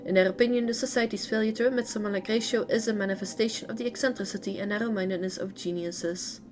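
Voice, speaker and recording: A woman's voice: mid-range voice, steady tone, fast talker, a little mellow. A woman reading a game's character lore aloud, breaking off for casual, chatty asides of her own. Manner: chatty asides between read passages. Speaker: lore reader.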